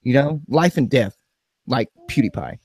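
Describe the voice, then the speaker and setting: A man co-hosting a casual podcast, talking in a sarcastic, rambling way that swings from flat to animated. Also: medium pitch, moderate pace, a little hiss or hum. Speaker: podcast co-host.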